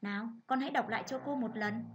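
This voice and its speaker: A woman primary school teacher giving a reading lesson to children, reading clearly and measuredly. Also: fairly high pitch, quick pace, lo-fi sound, slight background noise.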